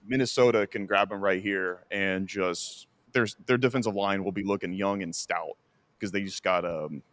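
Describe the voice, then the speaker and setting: A man's voice: sits low, moderate pace, a bit bright. A man co-hosting a casual sports podcast, easygoing and prone to repeating himself. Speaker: podcast co-host.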